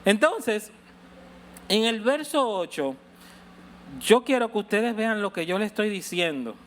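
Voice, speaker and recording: A man's voice: high voice, animated, measured pace, a little hiss or hum. A middle-aged male pastor giving a sermon in a conversational, storytelling manner, often asking his listeners questions. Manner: conversational storytelling preacher, asks the audience questions.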